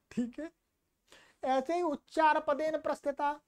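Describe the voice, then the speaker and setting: A woman teaching Sanskrit grammar in a classroom lecture. She explains in Hindi, slows down to recite Sanskrit rules and often checks in with "ठीक है". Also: sits high, darkish tone.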